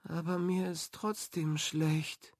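A man voicing a small girl who feels ill and anxious, in a high, soft voice. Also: flat delivery, slow, no echo, clean studio sound. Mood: weak.

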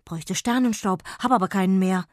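A woman voicing a shaggy, bearded male fairy who is always busy, speaking loudly in quick, clipped phrases. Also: medium pitch, no echo, clean studio sound, close to an everyday voice. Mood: hurried. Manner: hurried, loud, clipped repetitions.

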